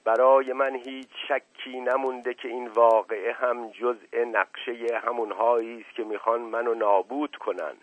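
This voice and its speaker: Man doing a stern paranoid old uncle, slow and heavy, tinny radio. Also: mid-range voice, animated, dry recording, lightly acted. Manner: stern, indignant, slow and weighty. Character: proud, paranoid older man, stern head of the family. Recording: tinny narrow-band radio recording.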